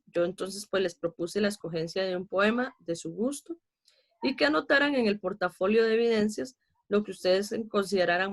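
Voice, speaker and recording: A Costa Rican woman teaching an online class, patiently explaining poetry meter step by step and counting syllables aloud. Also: medium pitch. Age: adult with a child.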